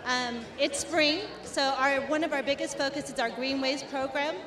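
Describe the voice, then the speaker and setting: A middle-aged woman speaks for her company at an indoor expo, standing before a backdrop and explaining her work earnestly into a handheld mic the interviewer holds. Her high voice keeps a steady tone at normal speed over music, though she restarts often. The hall is echoey and full of crowd noise.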